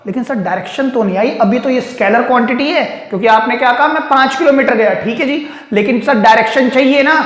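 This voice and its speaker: A man's voice: very high voice, a bit bright. Echoey male maths teacher at a board. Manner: keeps checking understanding with quick questions; asks students' questions and answers them himself. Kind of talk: board lecture. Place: room with a board.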